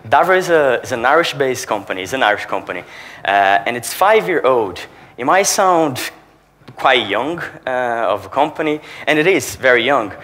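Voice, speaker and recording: With a medium-pitched, animated, fairly bright voice and a moderate pace, this man gives a conference presentation as a sales manager. Portuguese is his first language, his accent shows it, and he explains things through rhetorical questions to listeners.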